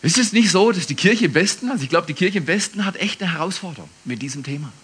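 A husky man preaches a sermon in a church, his voice sitting high for a man. He moves from brisk, loud appeals down to near-whispers. The delivery is animated and direct. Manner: lively preaching, ranges from loud to hushed whisper. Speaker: pastor.

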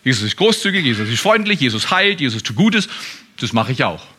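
A man preaching a sermon as pastor, lively and emphatic, with joking asides. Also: mid-range voice, a little fast, slightly rough.

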